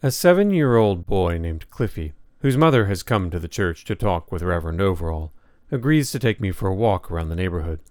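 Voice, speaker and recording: A man reading a nonfiction book aloud as narrator, in a measured, reflective way. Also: low voice, sing-song, darkish tone, no room sound, studio quality.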